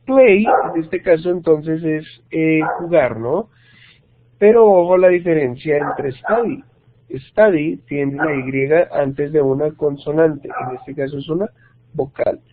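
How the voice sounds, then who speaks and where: A man's voice: a little high, slow pace. A man teaching an online English grammar lesson, explaining patiently in Spanish with English examples and often checking in with his students. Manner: patient, checks in with "¿cierto?" and "¿listo?". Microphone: computer mic on video call. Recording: tinny, dry video call audio.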